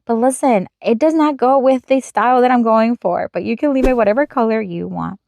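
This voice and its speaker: A woman's voice: a little high, fairly quick, gravelly, a little mellow. Upbeat woman narrating a craft tutorial. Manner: chatty, upbeat, step-by-step instructions. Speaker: craft channel host.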